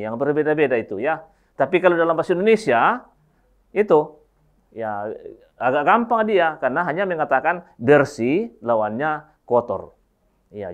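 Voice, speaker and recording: A male teacher giving a language lesson, slowly going through word pairs and often adding "ya". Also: medium pitch, muffled recording. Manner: slow, repetitive word-by-word explanation with frequent "ya".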